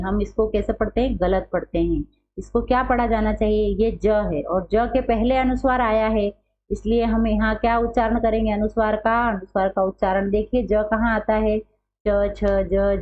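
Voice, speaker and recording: A woman's voice: medium pitch, steady tone, normal speed. A woman teaching a grammar lesson, who poses questions to the class and answers them herself, repeating key terms. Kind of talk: Hindi grammar lesson, explaining at a board. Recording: dull lo-fi recording with faint hum.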